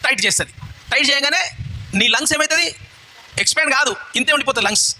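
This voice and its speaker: A man delivers a sermon in a high, sharply bright voice and keeps up a rapid pace. He throws rhetorical questions at the congregation and gently coaxes helpers through a live demonstration. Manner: coaxing, instructs helpers step by step. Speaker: bishop preaching.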